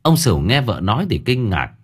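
Husky man narrating a dark story. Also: on the low side, a little fast. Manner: dramatic, expressive storytelling. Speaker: audiobook narrator.

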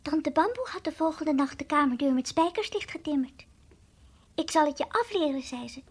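A woman's voice: animated, normal speed. A woman voicing a timid, childlike toy dog in an old radio play, earnest and confiding, sometimes whispering. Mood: hushed. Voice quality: high childlike voice, drops to whispers. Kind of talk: 1960s radio drama acting.

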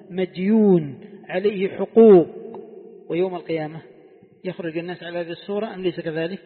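A high-pitched man teaches a religious text, walking through each point and quizzing his students with rhetorical questions. His voice comes through a thin, phone-like recording with a long echo of a lesson hall. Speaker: sheikh teaching Quran commentary. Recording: tinny phone-like sound in an echoey hall.

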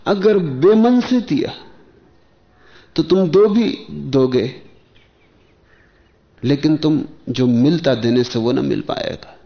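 A man, a spiritual teacher, giving a discourse in measured short phrases with pauses and rhetorical questions. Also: fairly high pitch, gravelly. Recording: dull lo-fi archival lecture tape.

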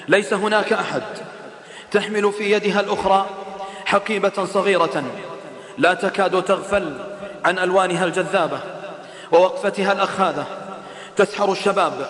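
A man's voice: sits high, normal speed, long pauses, fairly bright tone. A man preaching an impassioned sermon, calling out rhetorical questions to his listeners. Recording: echoey hall reverb.

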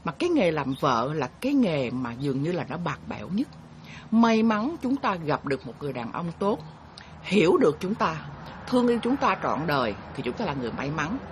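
A woman's voice: sits low, very animated, brisk, a little hiss or hum. A woman hosting her own show, telling viewers a story in an earnest, chatty way and referring to herself by name. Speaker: host. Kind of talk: casual storytelling talk to viewers.

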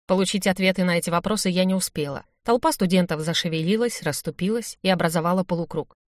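A young woman narrating a first-person story in a lively, expressive audiobook reading. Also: fairly low pitch, quick pace, no echo, studio quality. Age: young adult.

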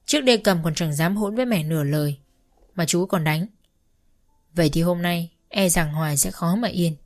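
A woman's voice: fairly low pitch, normal speed. Woman narrating a story. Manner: steady, matter-of-fact telling. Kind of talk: first-person story narration.

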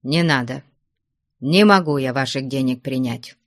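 A man reading aloud, voicing a timid, pious young man who sighs and speaks softly. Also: mid-range voice, measured pace, no room sound, studio quality, voice pushed down. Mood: pleading. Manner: sighing, half-whispered.

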